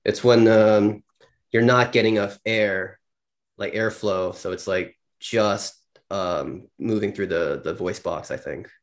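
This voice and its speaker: A man co-hosting a podcast in casual chat, rambling and laughing, with some vocal fry. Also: fairly low pitch, a little slow. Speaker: podcast co-host.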